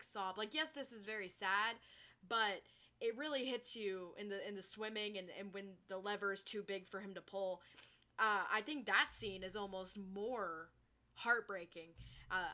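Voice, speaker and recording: A woman's voice: mid-range voice, pushed and bright. A woman hosting a let's play, chatting emotionally about the game with lots of fillers. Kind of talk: casual gameplay commentary.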